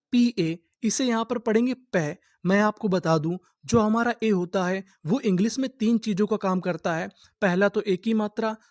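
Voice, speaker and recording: A man's voice: high-pitched, no echo, studio quality. A man teaching a spoken lesson to students, spelling words letter by letter, then asking and answering his own questions. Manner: drills each word by slow repetition. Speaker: English reading teacher.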